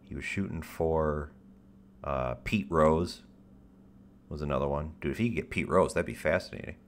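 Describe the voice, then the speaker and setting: A livestream host with a deep, radio-style voice chats casually, rambling in stop-start phrases with a wry, self-deprecating tone and some casual swearing. He keeps a moderate pace, and there's slight background noise.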